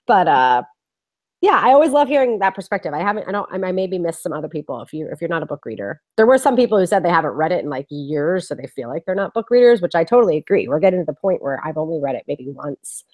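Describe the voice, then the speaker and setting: A woman's voice: fairly low pitch, big pitch swings, fast talker, a little mellow, dry recording. A woman co-hosting a casual fan discussion and reading out viewer tweets, rambling and correcting herself as she goes.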